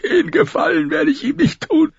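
A man voicing a scheming, spiteful old lord in an audiobook, with a shrill, gravelly cackle and a sneering, taunting manner. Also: normal speed, no echo, highs cut off, heavily acted. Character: scheming ancient male lord, spiteful and mocking. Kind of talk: audiobook character voice.

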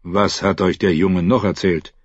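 A man voicing a steady knight who speaks calmly and wryly. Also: sits low, a little slow, slightly rough, no echo, highs cut off. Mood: stern. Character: steady, dry-humored knight.

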